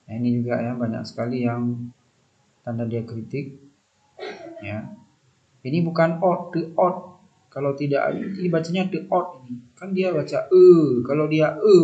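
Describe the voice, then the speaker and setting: A patient man walks a student through corrections to a draft, sounding out letters and marks again and again. His voice sits in a middle pitch. The recording is dull and lo-fi. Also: darkish tone. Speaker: thesis supervisor. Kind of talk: reviewing a student's draft aloud.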